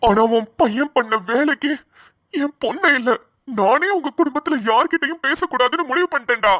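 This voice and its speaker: A woman voicing a furious, hot-tempered middle-aged father in a cartoon, shouting bitterly. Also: sits high, brisk, no echo, clean studio sound. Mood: angry. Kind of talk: cartoon voice acting.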